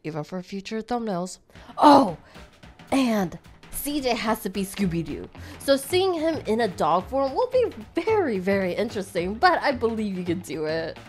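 A woman's voice: mid-range voice, big pitch swings, normal speed, faint music behind, natural voice. A woman voicing a playful young woman who teases a friend in a fan voice-over of chat messages, laughing often. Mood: chatty.

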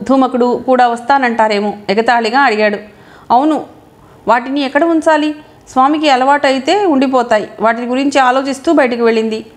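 Audiobook narrator, female, high register, Telugu accent, lively character reading. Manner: expressive storytelling, slows and lifts for dialogue. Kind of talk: reading a novel aloud, voicing each character.

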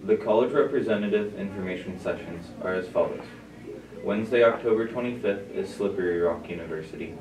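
A man reading morning school announcements as a student announcer in a steady, plain way, heard through a loudspeaker. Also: on the low side, a little fast, echoey room, far from the mic, a crowd in the background, rough recording.

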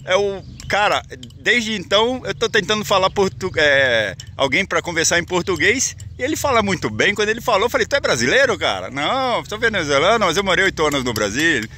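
A man's voice: sits high, very animated, fairly quick, few pauses, pushed and bright. A Brazilian man in his forties, vlogging to his phone outdoors by a rail yard, chatty and upbeat, repeating phrases as he talks to his viewers. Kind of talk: casual travel vlog to camera. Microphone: phone held at arm's length. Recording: noisy outdoor phone recording. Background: outdoor ambience and vehicles.

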